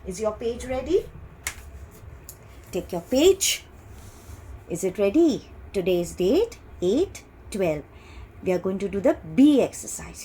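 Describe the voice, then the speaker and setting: A middle-aged woman with an Indian English accent, teaching a maths class to young children in slow, patient, sing-song teacher talk, stretching key words. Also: medium pitch, dark tone, slight background noise.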